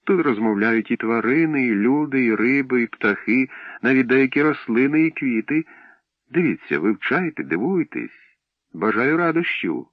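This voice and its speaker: Male narrator as a teasing, know-it-all female fish from a storybook. Raised pitch. Dry, muffled recording. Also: animated, normal speed, dry recording, close to an everyday voice. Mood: playful. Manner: playful, lecturing.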